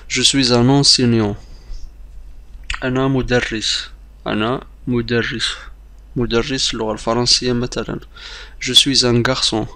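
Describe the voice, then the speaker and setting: A man teaching a beginner language lesson, explaining briskly with some hesitations and repeating example phrases slowly like drills. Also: medium pitch, fairly bright tone, no room sound.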